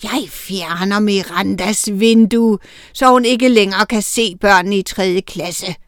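A woman's voice: mid-range voice, animated, clear, resonant tone, no room sound, clean studio sound, natural voice. A woman doing a spiteful, sugary witch. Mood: hissing. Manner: sugary then hissing and shrieking spells.

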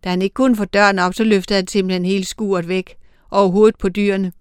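A woman narrating a storybook tale in a measured, expressive way. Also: medium pitch, smooth, dry recording, clean studio sound. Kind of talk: storybook reading.

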